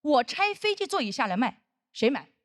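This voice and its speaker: A woman's voice: sits high, very animated, fairly quick, no room sound, studio quality. A young adult woman performing a stand-up comedy routine on stage, telling a punchy story full of quoted dialogue. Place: stage with live audience.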